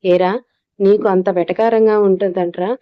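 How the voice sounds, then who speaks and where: A man's voice: high-pitched, steady tone, moderate pace, clear, resonant tone, dry recording, close to an everyday voice. A cocky young man teases with easy confidence, as a woman reading a story puts him on. His lines come through a dull, lo-fi recording with no room sound at all. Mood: joking. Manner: playful, teasing. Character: teasing confident young male student. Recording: dull dry lo-fi audio.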